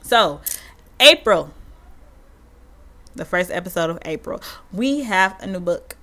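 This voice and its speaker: A woman's voice: lowish voice, expressive, slow pace, bright, forceful tone. A woman hosting her own podcast alone, talking casually and encouragingly to her listeners and calling them y'all. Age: adult parent. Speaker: podcast host. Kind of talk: casual solo podcast talk.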